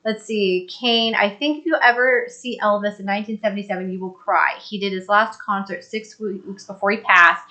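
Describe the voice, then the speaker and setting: A woman's voice: mid-range voice, steady tone, normal speed, few pauses, bright, forceful tone. Woman, young adult, casual live-stream co-host, reads chat aloud, chatty. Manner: chatty, reads comments aloud, laughs easily.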